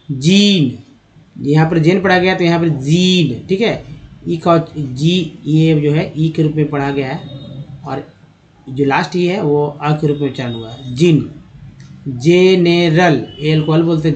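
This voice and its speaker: A man teaching English spelling and pronunciation, sounding words out slowly syllable by syllable. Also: a little high, a little mellow, lo-fi sound.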